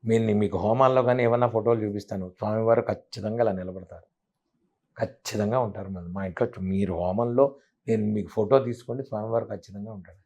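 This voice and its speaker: A man's voice: fairly low pitch, fast, darkish tone, breathy edge, highs cut off. A man speaking as a spiritual teacher in a devotional interview, emphatic and preachy, asking many rhetorical questions.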